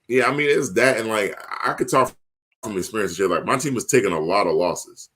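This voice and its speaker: A man's voice: fairly low pitch, animated, fairly quick, fairly bright tone. A man co-hosting a casual sports podcast, rambling with lots of filler words and getting heated and emphatic. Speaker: podcast co-host.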